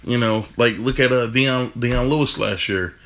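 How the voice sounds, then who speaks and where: A man talking fast in a casual football rant, stumbling over restarts and swearing casually. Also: mid-range voice, a bit bright. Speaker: football fan commentator.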